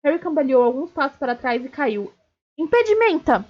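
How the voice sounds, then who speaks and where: A woman streamer reading a novel aloud, steady, with small slips and restarts. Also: sits high, a little fast. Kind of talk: live read-aloud of a novel. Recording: dull lo-fi stream audio.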